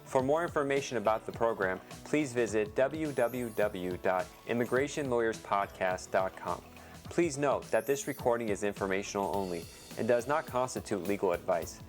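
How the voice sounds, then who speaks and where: A man reads a scripted podcast introduction in a formal, measured tone. His voice sits fairly low, and faint music plays behind him. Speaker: podcast host.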